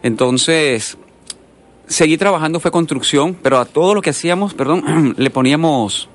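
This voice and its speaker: A Colombian man appearing as a guest artist on radio tells drawn-out, digressive stories at a moderate pace. His voice is a little high, captured through a studio microphone.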